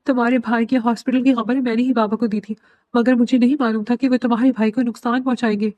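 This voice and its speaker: A woman's voice: on the high side, little pitch movement, warm tone, no echo, muffled recording, natural voice. Woman reading as a tearful pleading young woman.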